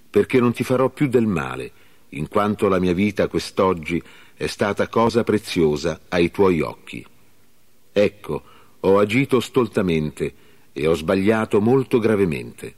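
A man's voice: low voice, animated, a little slow, darkish tone. A man reading as a remorseful old king. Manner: solemn, declaiming.

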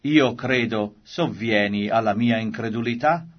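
A man's voice: mid-range voice, unhurried, lightly acted. A man reading the part of a desperate father who pleads earnestly for his sick son. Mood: pleading. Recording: slightly dull lo-fi recording.

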